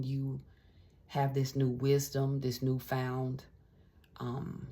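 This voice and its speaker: Speaking in a bass voice with a dark tone, a tarot reader addresses the camera with a casual, encouraging reading. She keeps it conversational, with frequent check-ins and fillers, and maintains an uplifting, spiritual pep-talk mood.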